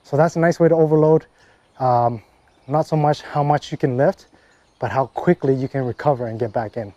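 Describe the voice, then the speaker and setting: A man giving casual workout instruction as a fitness coach, relaxed and full of fillers and "okay, right?" check-ins. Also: mid-range voice, normal speed, dry recording, muffled recording. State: briefly out of breath after a set.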